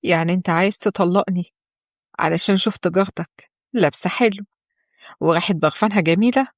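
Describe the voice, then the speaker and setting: A woman voicing a tired, hurt young wife who is a doctor, with an Egyptian accent and a quick, pleading delivery. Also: on the low side, no echo, clean studio sound, close to an everyday voice. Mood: hurt, upset. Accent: Egyptian Arabic.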